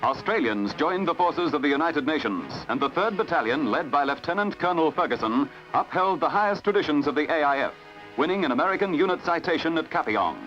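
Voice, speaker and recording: A man's voice: fairly high pitch, expressive, a little fast. A man narrating an old 1950s newsreel in a formal, declamatory manner. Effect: old newsreel soundtrack. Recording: dull lo-fi newsreel sound with music. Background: music.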